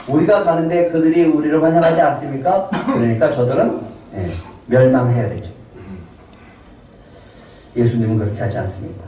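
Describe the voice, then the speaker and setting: A man's voice: mid-range voice, mellow, distant mic, a little hiss or hum. A man preaching a Sunday sermon as a pastor, asking the congregation questions and answering them himself. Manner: acts out quoted people in a raised voice. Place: church sanctuary. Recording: very echoey room, voice from off the mic.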